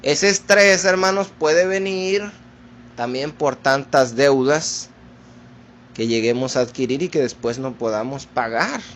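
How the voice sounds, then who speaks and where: A man preaching a sermon, addressing his listeners as brothers in a slow, deliberate teaching manner. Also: medium pitch, a bit bright, slight background noise.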